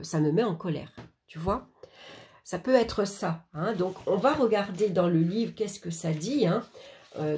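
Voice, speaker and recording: Woman, gravelly, lowish voice, hesitant chatty tutorial on oracle cards. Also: a little mellow. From France. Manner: hesitant, many fillers and restarts, addresses viewer directly. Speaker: oracle card reader. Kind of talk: casual tutorial explaining a card reading.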